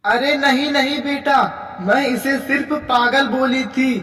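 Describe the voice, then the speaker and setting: Cartoon role: woman voicing a shrill, sharp-tongued old mother-in-law who scolds and shouts, heard distant and roomy. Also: steady tone, unhurried. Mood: scolding. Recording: roomy, distant, with reverb over loud music.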